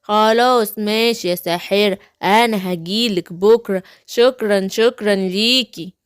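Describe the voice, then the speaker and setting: A woman's voice: medium pitch, moderate pace, clear, resonant tone, dry recording, clean studio sound, close to an everyday voice. A woman with an Egyptian accent voicing a greedy male sorcerer, in a home-made children's story play. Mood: scheming. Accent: Egyptian Arabic. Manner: greedy, gloating. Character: scheming greedy male sorcerer who wants to eat smurfs.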